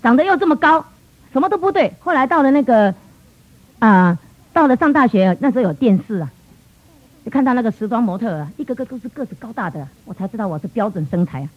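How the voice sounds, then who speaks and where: A middle-aged woman with a Taiwanese Mandarin accent tells a church testimony at a brisk, tumbling pace, in a voice pitched somewhat high. She brings the story to life by acting out what her relatives and children said. The recording is muffled and lo-fi. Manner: lively storytelling, acting out family dialogue. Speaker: church speaker giving testimony.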